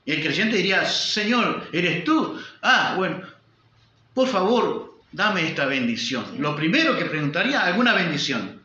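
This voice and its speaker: A man with a Uruguayan Spanish accent preaches in a high-pitched, sing-song voice with a sharp tone, going a little slowly. His sermon is emphatic, built on repetition and rhetorical questions, and the sound is roomy, dull, and lo-fi.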